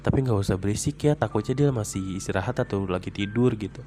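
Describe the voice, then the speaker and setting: Casual young friend, relaxed and a touch hushed, as a storyteller quotes him. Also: male voice, fairly low pitch, fast talker, soft background music, pitched below the performer's own voice, lightly acted.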